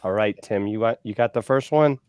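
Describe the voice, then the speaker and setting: A man in his forties co-hosting a casual online show, chatty and upbeat, giving shout-outs with lots of fillers. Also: lowish voice, brisk, smooth, no room sound. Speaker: co-host.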